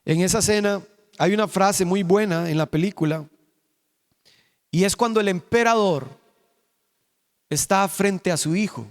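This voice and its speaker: Male pastor, high voice, emphatic sermon with rhetorical questions, long reverb of a church hall. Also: measured pace, long pauses. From Costa Rica. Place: church sanctuary.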